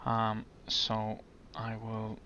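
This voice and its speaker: A man's voice: lowish voice, monotone, drawn-out words, sharp tone, highs cut off, a little hiss or hum. A man giving casual, chatty commentary as he sets up a flight in a simulator, thinking aloud as he goes. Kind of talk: casual commentary while gaming.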